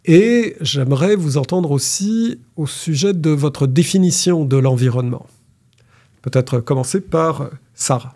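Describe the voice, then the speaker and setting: Mellow-voiced man hosting a podcast. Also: on the high side. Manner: measured, formal questioning. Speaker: podcast host. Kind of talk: academic interview.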